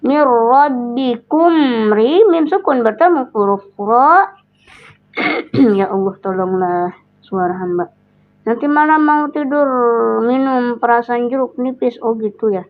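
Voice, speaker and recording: Hoarse Sundanese woman teaching slowly. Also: a little high, expressive. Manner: slow, drawn-out explanation with recited examples. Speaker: Quran recitation teacher. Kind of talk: live-streamed tajwid lesson. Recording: tinny phone-line sound.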